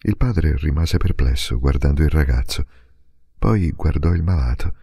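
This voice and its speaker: A man giving an expressive, dramatic interpretive reading of a novel as narrator. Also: very deep voice, moderate pace, creaky, breathy edge. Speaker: audiobook reader.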